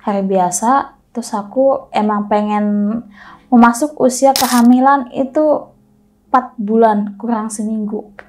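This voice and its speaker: A woman telling a personal story in casual chat, animated and acting out the voices of the people in it. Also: a little high, measured pace, pauses often. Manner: animated, acts out dialogue in quotes.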